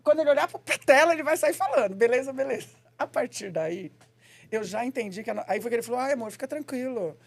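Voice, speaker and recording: A woman's voice: a little high, fast talker, vocal fry, husky. A woman chatting casually on a podcast, telling stories and acting out the dialogue she quotes. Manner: animated storyteller, acts out quoted dialogue.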